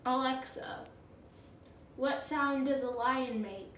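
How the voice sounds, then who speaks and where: Woman, high-pitched, deliberate voice commands, casual home video, roomy sound, faint noise. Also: a bit bright. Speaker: pet owner questioning a smart speaker. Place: carpeted room in a home.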